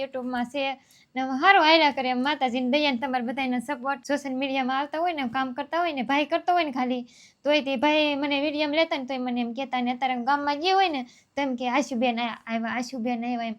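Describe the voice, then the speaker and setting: A young village woman talks in a loose, rambling way and circles back over her points. Her voice sits high. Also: fairly even intonation, fast talker. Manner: rambling, homely, repeats herself. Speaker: vlogger. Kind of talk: casual storytelling.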